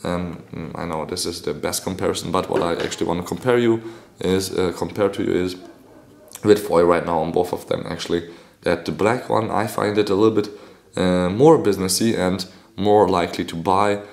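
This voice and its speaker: Hoarse low-voiced man reviewing a phone. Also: steady tone, a little fast, a little mellow. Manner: rambling, fillers, non-native phrasing. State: hoarse, clearing throat. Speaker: tech reviewer. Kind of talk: casual product review.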